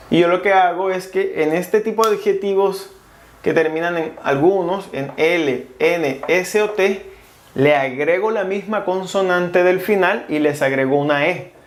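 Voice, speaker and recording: This man's voice sits high and moves at a moderate pace, with reverb in the room. Teaching French in a casual video, he walks through grammar rules step by step and spells out letters.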